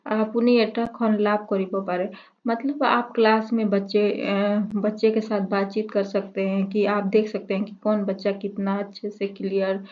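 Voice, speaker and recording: A woman explains a lesson for trainee teachers in a level, mid-pitched voice that barely rises or falls. She stops and restarts often, filling gaps with hesitations. The recording sounds muffled and lo-fi. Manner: halting, many fillers and restarts. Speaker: teacher-exam tutor. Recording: dull lo-fi recording.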